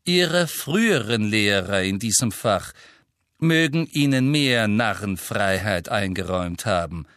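A man's voice: fairly low pitch, animated, a little slow, a bit bright, dry recording, studio quality. A man reading aloud, voicing a prim, strict woman official with a honeyed, sugary-sweet manner. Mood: condescending. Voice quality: honeyed, syrupy.

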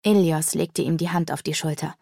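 A woman narrating an audiobook in steady, clear storytelling. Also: low-pitched, moderate pace, no room sound, clean studio sound.

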